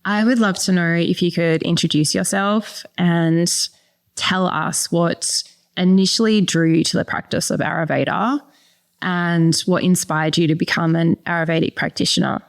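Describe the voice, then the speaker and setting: Woman podcast host, soft and reflective, with a gravelly low voice. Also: steady tone, unhurried. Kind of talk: soft-spoken podcast interviewing.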